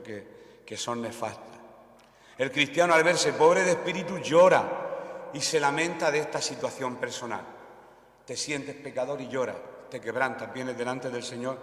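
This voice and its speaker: A man's voice: medium pitch, a bit bright. A man preaching a sermon, repeating key phrases for emphasis. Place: church hall. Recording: echoey hall with long reverb.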